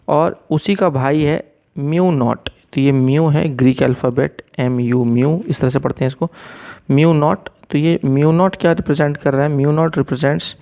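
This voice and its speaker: A man teaching a recorded physics lesson, mixing Hindi with English terms, explaining slowly and checking in often with his students. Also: mid-range voice, mellow.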